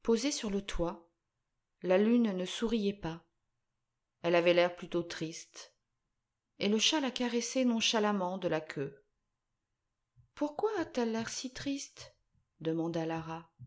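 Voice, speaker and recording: A woman reading a storybook aloud in a gentle, careful way. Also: fairly low pitch, a little slow. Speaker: narrator.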